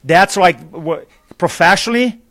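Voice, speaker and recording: His voice sits high and moves at a normal speed, free of echo. The speaker is a Brazilian man, Portuguese by birth with a strong accent, appearing as a public speaking trainer and guest in an eager live interview at a conference venue. He narrates animatedly, voicing dialogue and laughing frequently.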